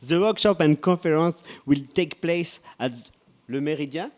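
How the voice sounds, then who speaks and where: A man with a French accent, speaking English as a second language in a light, halting conference presentation. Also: a little high, darkish tone. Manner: halting, laughs often. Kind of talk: scripted two-person presentation.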